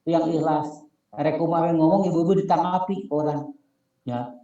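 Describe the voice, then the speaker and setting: A man's voice: fairly high pitch, steady tone, normal speed, warm tone, highs cut off. A man with a Sundanese accent lecturing a class, repeating key points with emphasis and spelling out acronyms letter by letter. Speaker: instructor. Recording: echoey room.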